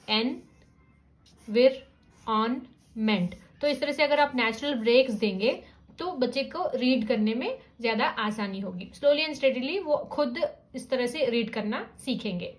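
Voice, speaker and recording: A woman explains how to read words, slowly sounding out syllables and mixing two languages. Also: on the high side. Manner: mixes Hindi and English, sounds out syllables slowly. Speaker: teacher guiding parents. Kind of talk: explanatory lesson.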